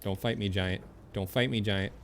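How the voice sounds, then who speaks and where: The streamer's voice is fairly low and creaky, with fairly even intonation at a normal speed. He keeps his live gameplay commentary casual and playful, talking to the in-game characters and swearing from time to time. Slight background noise is present.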